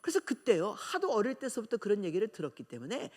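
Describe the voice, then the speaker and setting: A Korean-born woman pastor preaching a revival sermon, telling her family story in an animated way and acting out the quarrels in it. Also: medium pitch, quick pace. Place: church sanctuary. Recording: long church hall reverb.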